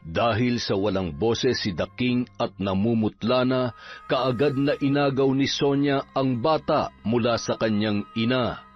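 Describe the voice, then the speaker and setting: A man narrating a horror story in a dramatic, expressive reading style. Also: mid-range voice, unhurried, faint music behind. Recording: dull, muffled recording.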